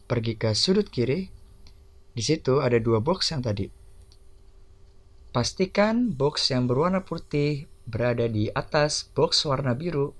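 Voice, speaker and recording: Man calmly narrating a software tutorial. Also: mid-range voice, measured pace, long pauses. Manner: steady step-by-step instructions. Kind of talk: screen-recorded software tutorial voice-over.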